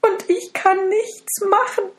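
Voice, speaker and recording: A woman voicing a young, desperate girl in a fairy tale, speaking in a high, pleading way. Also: steady tone, slow, reverberant. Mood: distraught.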